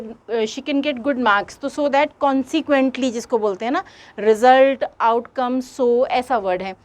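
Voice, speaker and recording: High-voiced woman teaching a class. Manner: explains step by step, addresses students directly. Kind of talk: exam-prep lesson in Hindi-English mix.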